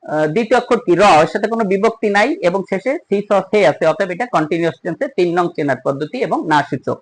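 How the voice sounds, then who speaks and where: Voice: mid-range voice, poor audio. Teacher talking through grammar. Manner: explains step by step and asks the listener questions; slows down to stress English example sentences. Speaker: English teacher. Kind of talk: spoken grammar lesson.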